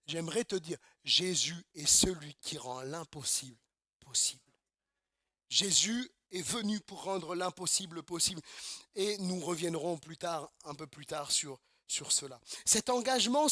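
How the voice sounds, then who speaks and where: Preaching at a measured pace in a church service, this Normandy pastor has a very high, bright and forceful voice. His style is emphatic, with repeated phrases and rhetorical questions. Almost no room echo reaches the dry, close recording.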